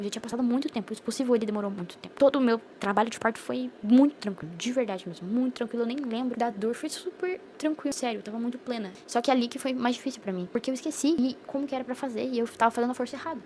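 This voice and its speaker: Rapid-fire chatty young woman vlogger. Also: fairly high pitch, darkish tone, slight background noise. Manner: chatty, rapid, full of fillers and slang. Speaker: vlogger sharing her birth story. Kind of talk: casual personal storytelling to camera.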